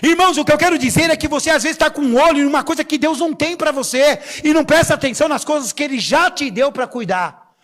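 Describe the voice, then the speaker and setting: A middle-aged man, a bishop, preaching a lively sermon full of stories and jokes, acting out what others said with big swings in his voice. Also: fast talker. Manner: animated, jokey, acts out quotes with big pitch swings. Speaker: bishop and pastor. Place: church sanctuary. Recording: long reverb of a church hall.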